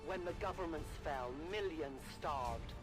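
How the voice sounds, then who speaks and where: Actor as grave wise-mentor scout, higher voice. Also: male voice, natural voice. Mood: grave warning. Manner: wise mentor, solemn, measured instruction. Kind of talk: video game voice acting. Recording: game music clearly behind the voice.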